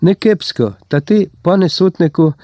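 A proud, steady rebel colonel voiced by a male narrator, reporting his news in a firm, matter-of-fact way. The reading is close and dry, with no room sound. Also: sits high, normal speed, no room sound, voice pushed up.

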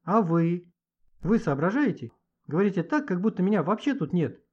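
Brief: man doing a feisty schoolgirl, high and shrill, lively swings, dull lo-fi audiobook sound. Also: a little fast, husky. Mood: indignant. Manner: shrill, indignant. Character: feisty schoolgirl, quick to anger.

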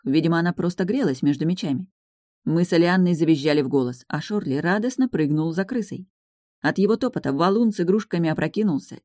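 A woman narrating a first-person audiobook in an even storytelling manner. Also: fairly low pitch, no echo, studio quality.

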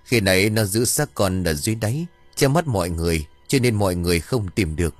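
Một người đàn ông đọc lời hồn ma cậu bé chết đuối nhập vào bà đồng, giọng buồn bã, dặn dò. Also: male voice, low-pitched, lively intonation, quick pace, faint music behind. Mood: sorrowful. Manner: mournful, gently admonishing. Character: drowned boy's ghost speaking through an old woman.

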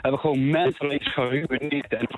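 A man's voice: medium pitch, fairly even intonation, brisk, soft background music. A man calling in to a radio show, indignant and stumbling over restarts as he makes his point. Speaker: caller. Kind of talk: phone-in call. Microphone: phone. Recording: tinny crackling phone line.

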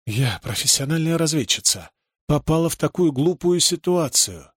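A man reading aloud and voicing a cold, calculating female spy, in low, muttered thoughts. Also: lively intonation, moderate pace, breathy edge, no room sound, studio quality.

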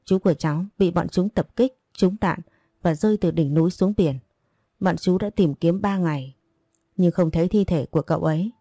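A woman voicing a somber soldier who delivers bad news gravely and apologetically, in a low voice. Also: normal speed, dark tone, no echo.

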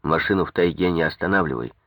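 A man with a low, husky voice voicing a stern male sergeant who gives orders. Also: fast talker, a bit bright, dry recording, studio quality. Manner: commanding.

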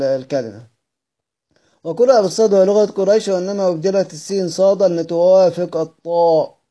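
A man with an Egyptian accent teaches a study circle on Quran readings. His voice sits fairly high but sounds soft and mellow. He keeps posing questions to himself and answering them, restating each point. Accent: Egyptian Arabic. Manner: asks himself questions and answers them, repeating key phrases.

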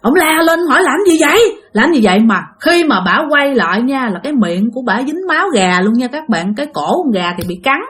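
Woman, Southern Vietnamese accent, ghost-story narration, chatty, fairly high voice. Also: big pitch swings, brisk, hardly any pauses, a bit bright. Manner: chatty, addresses listeners directly.

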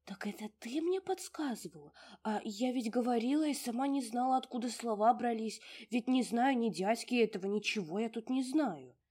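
A woman voicing a curious, puzzled young woman in a storybook reading, inquisitive and wondering, with a husky voice. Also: a little high, moderate pace, few pauses, mellow, pitched above the performer's own voice.

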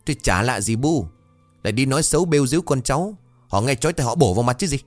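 A man's voice: medium pitch, expressive, fast, dry recording, soft background music, pitched above the performer's own voice, natural voice. A man voicing a fed-up young village wife who scolds her mother-in-law sharply. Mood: indignant.

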